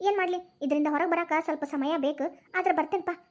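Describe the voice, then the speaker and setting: This is cartoon voice acting: a woman plays a mourning old mother-in-law, her voice extremely high, steady in tone and fast. She tells the story plaintively in Dharwad Kannada dialect from North Karnataka, with a sorrowful, lamenting feel.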